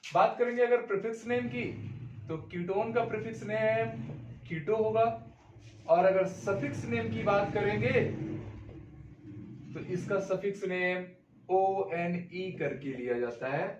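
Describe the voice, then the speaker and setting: High-voiced man teaching chemistry in an echoey room. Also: unhurried, pauses often, far from the mic, lo-fi sound, a little hiss or hum. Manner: explains step by step, often calls out "dear students". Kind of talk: classroom lecture at a board.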